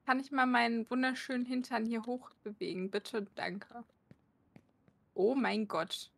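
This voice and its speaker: A woman's voice: a little high, fairly even intonation, a little slow, gravelly. A woman streaming a climbing game with a friend, exasperated and swearing, talking casually in speech. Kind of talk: casual gaming chat.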